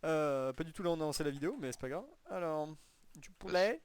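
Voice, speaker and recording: A man's voice: a little high, fast talker, a little hiss or hum. A young man giving casual gameplay commentary as a video host, using colloquial street slang and swearing.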